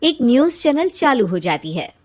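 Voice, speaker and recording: A woman narrating a children's bedtime story in a clear, measured way. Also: high voice, sing-song, a little mellow, no echo.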